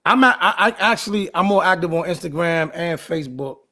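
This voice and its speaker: A man's voice: high-pitched, lively intonation, brisk, bright, forceful tone. A man in his late forties arguing sports in a casual debate, emphatic and often repeating himself. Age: 40s. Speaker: co-host.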